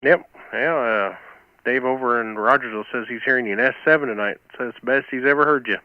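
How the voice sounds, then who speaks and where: Over two-way amateur two-meter radio, with band-limited, lo-fi, dry audio, an American man hosts a net. He speaks fast at medium pitch, casually chatting and asking for check-ins.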